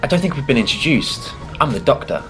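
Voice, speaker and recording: A man's voice: medium pitch, very animated, fast talker, a bit bright, soft background music. A man playing an imperious time traveller in an audio drama, with a theatrical, demanding manner. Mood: dramatic. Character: the Doctor, imperious, theatrical male Time Lord.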